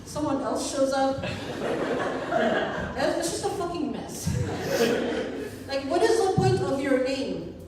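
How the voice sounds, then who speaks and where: A woman from Kenya performs stand-up, her high voice landing dark one-liners slowly and flatly. The sound is distant and boomy, as if caught from the back of a hall. A loud crowd and heavy room noise sit underneath. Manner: deadpan dark one-liners, slow deliberate delivery. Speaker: stand-up comedian. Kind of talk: stand-up set. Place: comedy venue with live audience.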